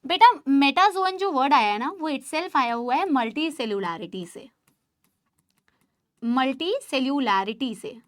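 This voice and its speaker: Lady teacher, high voice, dry close mic, animated, keeps quizzing her students. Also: unhurried, dry recording. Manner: animated, calls students beta and bhaiya; asks the class many questions. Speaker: online biology teacher. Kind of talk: live online class for exam students. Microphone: studio mic.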